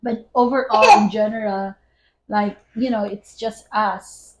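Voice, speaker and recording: A woman chatting casually with her husband over a meal at home, laughing often, with her voice trailing off softly at the ends of phrases. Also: medium pitch, sing-song, unhurried, muffled recording. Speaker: wife and vlog co-host. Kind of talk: casual mukbang chat while eating.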